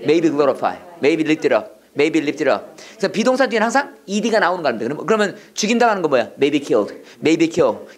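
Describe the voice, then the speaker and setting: Lively korean english teacher drilling a class. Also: mid-range voice, moderate pace, hardly any pauses. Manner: lively drilling, repeats phrases, prompts class to echo. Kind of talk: classroom lesson, call and response drills. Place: classroom with students.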